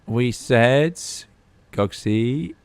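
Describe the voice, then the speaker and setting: A man's voice: mid-range voice, lively intonation, very slow, a little mellow, smooth, no echo. A man giving casual live commentary as a pilot playing a flight simulator. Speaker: flight sim streamer and airline pilot.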